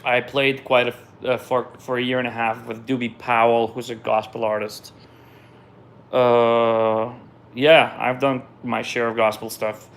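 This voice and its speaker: His voice is mid-pitched and gravelly, his pace measured, as this middle-aged Israeli musician with Russian as his first language runs a laid-back viewer Q&A. He reads each question and answers informally, often trailing off before beginning again.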